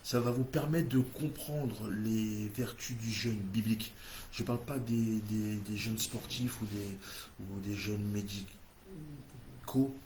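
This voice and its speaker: A man's voice: on the low side, slow pace, darkish tone, a little hiss or hum. A man with an English-speaking accent hosting a church livestream, leading a fervent, repetitive prayer in French. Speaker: church host.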